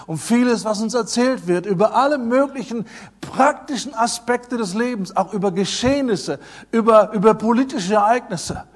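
A middle-aged man preaching a sermon, emphatic and repetitive, swinging between loud passages and soft, low asides.

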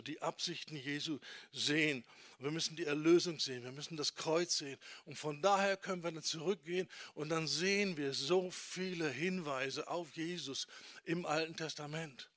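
A man delivers a teaching sermon in a somewhat high voice. He speaks emphatically and keeps turning to his listeners with short checking questions. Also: normal speed, fairly bright tone, no echo. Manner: emphatic, quotes people in acted asides. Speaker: preacher on discipleship.

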